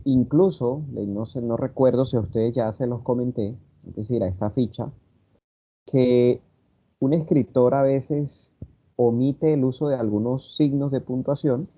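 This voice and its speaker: A man's voice: medium pitch, a little hiss or hum. Man, Colombian Spanish accent, teacher, online class, many fillers, tinny phone-like sound. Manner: explanatory, with many fillers and tag questions. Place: online video meeting. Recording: tinny phone-like meeting audio.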